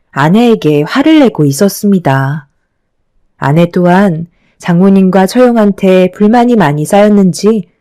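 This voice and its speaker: A woman narrating a first-person radio story in a calm, even storytelling manner. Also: mid-range voice.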